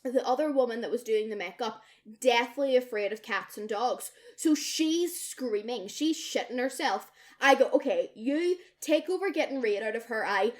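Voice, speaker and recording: Young woman, slightly higher voice, casual and lively podcast storyteller with plenty of swearing. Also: moderate pace, hardly any pauses. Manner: lively, swears freely, acts out quoted people. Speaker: podcast co-host.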